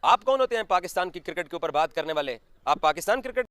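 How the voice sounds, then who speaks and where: A man's voice: high-pitched, animated, background noise. A man from Pakistan, delivering an indignant opinion monologue on cricket. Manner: indignant, rapid-fire questions. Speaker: cricket commentator.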